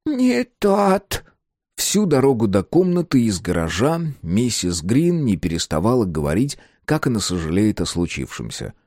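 A man reads a novel aloud in an expressive, scripted narration. His pitch moves in a lively way, and the recording is close and dry. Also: moderate pace, hardly any pauses, no echo. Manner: expressive reading that voices each character. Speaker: audiobook narrator.

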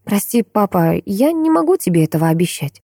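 Young woman, stubborn and caring daughter, soft and level, read by a woman narrator in a higher voice. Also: fairly quick, no echo, clean studio sound. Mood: pleading. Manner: quiet, even, gently defiant.

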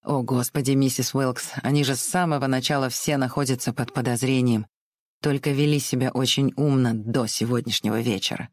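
A reader voicing a composed gentleman in an audiobook, brisk and urgent. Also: mid-range voice, fairly even intonation, dry recording, studio quality, lightly acted. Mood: coolly polite. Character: cool, composed Southern gentleman. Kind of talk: audiobook reading.

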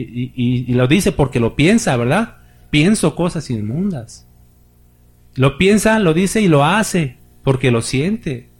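Spanish-speaking preacher, higher voice. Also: male voice, darkish tone, slightly rough. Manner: emphatic preaching, rising for scripture, addresses congregation as brothers. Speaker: pastor. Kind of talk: sermon.

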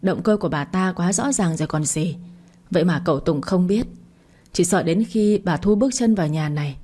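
A woman narrates a long family drama story in a steady, scripted reading. Her voice sits low and sounds mellow and warm rather than bright. She reads the characters' lines herself without taking on new voices. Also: husky.

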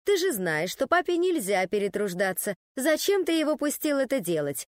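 A woman's voice: high voice, big pitch swings, normal speed, no room sound, clean studio sound, pitched above the performer's own voice. A woman voicing a spoiled, glamorous young wife who purrs and speaks with sarcasm in an audiobook. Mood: sarcastic. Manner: breathy, purring.

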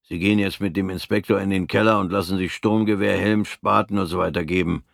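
A man's voice: deep voice, fairly even intonation, fairly quick, gravelly, no echo. A man voicing a weary army captain who gives clipped, dry commands. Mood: resigned.

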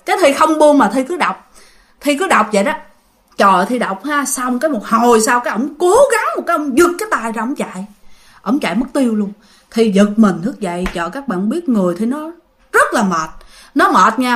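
A Southern Vietnamese woman tells a ghost story as if chatting with friends, often turning to her listeners. Her voice sits high and leaps up and down with lively energy. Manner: animated, talks straight to listeners. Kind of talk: casual spoken storytelling.

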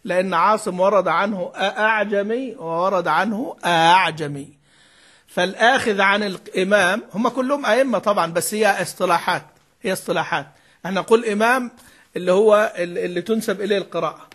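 A man's voice: sits high, brisk, fairly bright tone. A man teaching the rules of Quran recitation, repeating key terms and prompting his students to fill in answers. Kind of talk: lecture on Quran reading rules.

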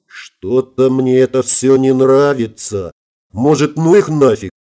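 A man's voice: mid-range voice, takes it slowly, mellow, natural voice. A man voicing a nervous young sidekick of a thug, sneering then jittery.

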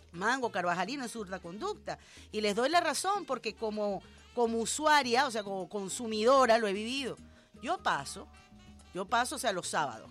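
A woman's voice: a little high, a bit bright. Emphatic Venezuelan woman radio host. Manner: emphatic and indignant, with sarcastic asides. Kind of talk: radio commentary.

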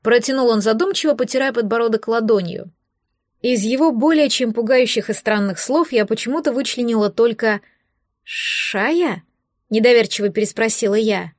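A woman's voice: a little high, a little fast, darkish tone, dry recording, clean studio sound. A woman narrating a first-person audiobook in a wry, self-mocking storytelling manner.

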